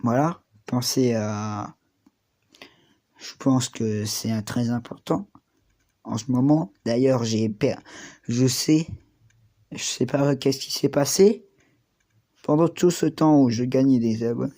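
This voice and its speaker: A male YouTuber casually shows off collectible figures in an unboxing vlog, rambling, drifting off topic, and restarting often. His mid-range voice is mellow and slow, with frequent pauses.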